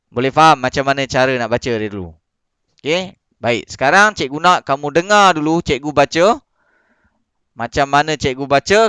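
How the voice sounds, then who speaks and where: A Malaysian man teaching young pupils over a video call, patient and questioning, reading slowly. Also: mid-range voice, fairly bright tone, clear, resonant tone, no echo. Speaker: primary school teacher. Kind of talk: online class lesson.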